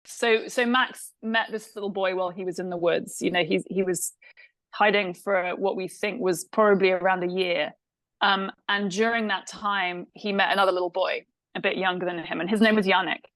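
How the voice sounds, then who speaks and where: English woman director, talks it through with lots of ums and restarts, mid pitch, dead dry sound. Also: fairly even intonation, normal speed, a bit bright, no room sound, low-quality recording. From England. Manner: thoughtful, many fillers and restarts. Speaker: film director. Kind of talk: interview answers.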